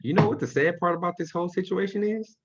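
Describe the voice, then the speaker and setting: A man's voice: high-pitched, fast, background noise. A man co-hosting a casual live stream, teasing and wry in his remarks. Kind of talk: casual chat. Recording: slightly dull, lo-fi sound.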